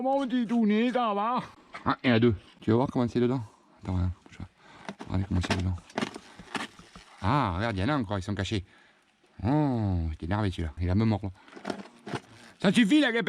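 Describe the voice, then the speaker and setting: A man's voice: medium pitch, slight background noise. A man from France removing wasp and hornet nests outdoors, chatting casually and joking as he works, talking to the insects and the camera. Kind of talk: casual running commentary while working. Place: outdoors at a house.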